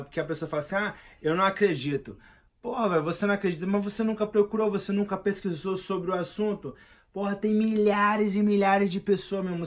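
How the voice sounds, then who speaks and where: A man in his thirties with a Brazilian Portuguese accent, vlogging in a slangy, emphatic, rambling monologue. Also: high-pitched. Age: 30s. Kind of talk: casual monologue.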